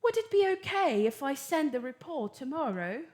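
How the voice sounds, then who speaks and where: A woman with a fairly high voice gives a relaxed English lesson. She speaks at an unhurried pace and moves easily between explanations and English example sentences. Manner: chatty, switches between Portuguese and English examples. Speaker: English teacher. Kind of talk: casual bilingual lesson.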